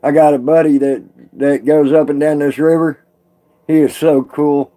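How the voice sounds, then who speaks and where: A man's voice: a little high, little pitch movement, normal speed, mellow. A man chatting casually on a live stream with viewers, rambling and folksy, laughing often.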